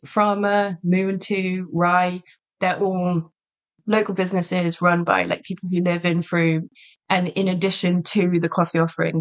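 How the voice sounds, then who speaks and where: A woman co-hosting a podcast, chatting casually and eagerly, with lots of "like" in her speech. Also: lowish voice. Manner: chatty and enthusiastic, peppered with "like". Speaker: podcast co-host. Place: lives in a small market town in south-west England.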